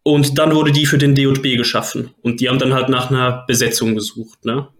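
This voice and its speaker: A man from Switzerland, a guest coach, answering interview questions in a relaxed way, laughing often and tagging "ne?" onto his sentences. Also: medium pitch, brisk. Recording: echoey room.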